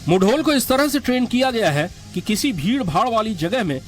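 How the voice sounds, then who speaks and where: High-voiced male documentary narrator over music. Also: big pitch swings, a little fast. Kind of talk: scripted narration.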